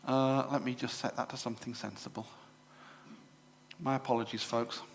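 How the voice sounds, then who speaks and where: A middle-aged English man giving a live demonstration to a club audience, chatty and full of fillers and quick self-corrections. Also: mid-range voice, fairly even intonation, creaky, slight background noise. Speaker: presenter at a computer club show. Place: exhibition room at a club show.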